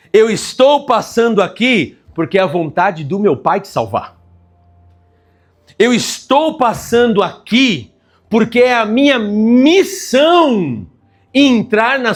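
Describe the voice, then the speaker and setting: A man with a high voice preaching a Sunday sermon. He leans hard on his phrases, slowing down to stress key words. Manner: emphatic preaching with many slow stressed phrases. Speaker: pastor.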